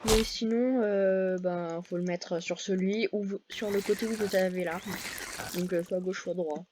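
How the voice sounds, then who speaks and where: A woman's voice: mid-range voice, steady tone, a little slow, darkish tone, a little hiss or hum. A woman giving casual, hesitant commentary over her gameplay, full of fillers and self-corrections. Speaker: gaming video creator.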